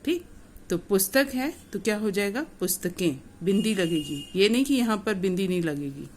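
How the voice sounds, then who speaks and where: A woman's voice: medium pitch, expressive, moderate pace, a little mellow, a little hiss or hum. A woman teacher giving a grammar lesson to school students, patiently repeating word pairs and mixing in English words. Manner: mixes English words into speech.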